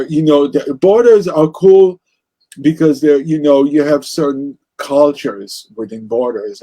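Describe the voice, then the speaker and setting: A man's voice: on the high side, warm tone. A man with an Israeli accent, speaking as an interview guest about music in a passionate, rambling way with many restarts. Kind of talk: casual interview conversation.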